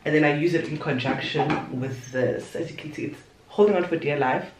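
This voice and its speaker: At her bedroom vanity, a young woman chats through a makeup tutorial, playful and talkative, with asides as she applies makeup. Her voice sits low and moves fairly quickly. She's a beauty vlogger filmed by a desk camera a little away, so she's far from the mic and a bit off-mic, with roomy echo and a little hiss or hum.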